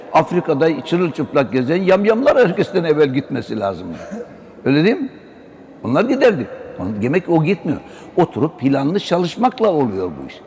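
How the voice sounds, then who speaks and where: A man's voice: fairly high pitch, darkish tone. An older man giving an exhortative religious talk, often calling his listeners brother. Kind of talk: religious sermon-style talk. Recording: long hall reverb, faint background noise.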